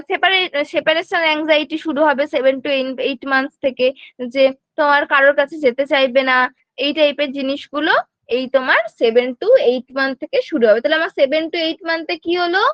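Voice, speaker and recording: A high-pitched woman gives an online nursing lecture, asking her students questions and then answering them. The sound is dry and close, but a little dull and lo-fi. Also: a bit bright, no echo. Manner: explains step by step, asks and answers her own questions; frequent check-ins to students. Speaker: nursing exam tutor.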